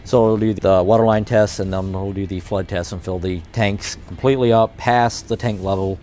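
Low-voiced man explaining factory checks. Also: moderate pace, a little hiss or hum. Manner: practical, steady explaining with fillers. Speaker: plant quality manager. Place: large indoor trailer factory floor.

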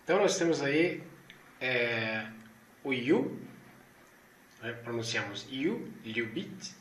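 A man teaches letters and sounds, repeating each one patiently and often checking in with listeners. He speaks very slowly, in a bright, slightly high voice. The room is echoey, with a faint hum of ambience behind him. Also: animated. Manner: patient, repeats each sound several times, frequent "né?" tag questions. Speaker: language teacher.

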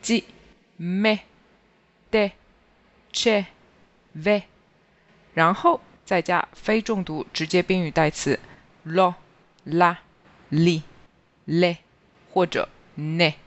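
A language teacher reading a scripted grammar review slowly and carefully, pausing on each listed word. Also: mid-range voice, muffled recording. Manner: slow, even, careful reading of word lists. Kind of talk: scripted grammar lesson narration.

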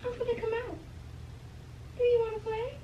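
Creepy lil ghost girl, singsong, super high, coming out a speaker in an echoey room. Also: little pitch movement, moderate pace, lo-fi sound. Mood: eerie coaxing. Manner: eerie, childlike, singsong. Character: creepy little ghost girl luring someone to play. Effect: played through a speaker. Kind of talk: creepy horror taunting. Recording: noisy echoey room, far from mic.

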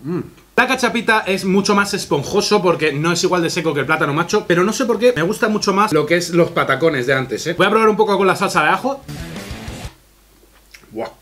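A man's voice: high-pitched, lively intonation, a little fast, pushed and bright. Man talking with his mouth full. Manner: enthusiastic, exclaiming while tasting. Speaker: food vlogger. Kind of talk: food review vlog. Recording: faint guitar music behind.

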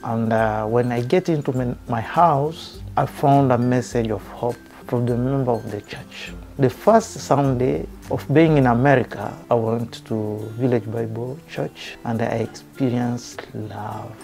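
A man, speaking a careful, halting personal testimony indoors. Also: mid-range voice, gravelly, darkish tone, faint music behind. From Democratic Republic of the Congo. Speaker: church member. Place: indoor room by a window.

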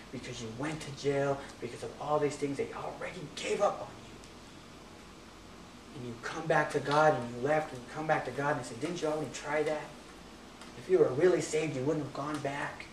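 A preacher giving a casual, joking sermon in a church hall, reading scripture slowly in between. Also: medium pitch, background noise. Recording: echoey room from far off.

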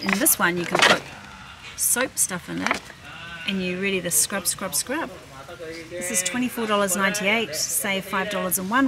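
In a large indoor warehouse store, a middle-aged woman vlogs her shopping in a casual, chatty way, thinking out loud as she looks around. A person behind a handheld camera records her. The audio carries the store's loud hum and rumbling ambience.

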